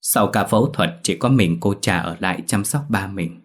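A man narrating a scripted horror story in a steady, dramatic way. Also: sits low, normal speed.

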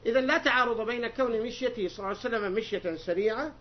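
A man teaching as a sheikh, reading narrations aloud in a raised voice, then explaining them to his students in a lower conversational tone and putting questions to them. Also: very fast, slight background noise. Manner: digressive, asks the students questions. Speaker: sheikh teaching a hadith book. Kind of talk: classroom lesson reading and explaining texts. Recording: dull lo-fi lecture recording.

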